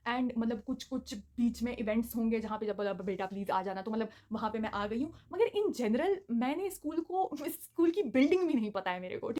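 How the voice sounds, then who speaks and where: Casting: young woman in late teens, high bright pitch, quick animated story-time delivery, Hindi with English mixed in. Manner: animated, mixes English into Hindi, acts out quotes. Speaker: student vlogger telling a story.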